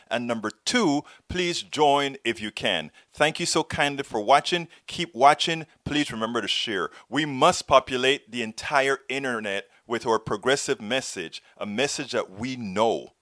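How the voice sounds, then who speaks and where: A man hosting opinionated news commentary, repeating key phrases with deliberate emphasis. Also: mid-range voice, fairly bright tone, no room sound, clean studio sound. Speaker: host of political commentary show.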